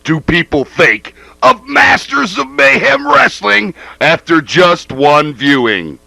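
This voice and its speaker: A man with a rough, gravelly voice reading hyped promo announcements. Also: sits high, sing-song, slow, sharp tone, a little hiss or hum.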